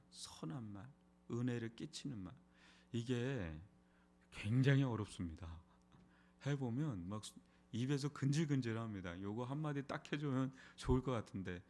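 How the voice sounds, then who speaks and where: A man's voice: medium pitch, darkish tone. A middle-aged man, a pastor, preaching an early morning sermon in a church in a conversational way, with frequent rhetorical questions. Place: church sanctuary.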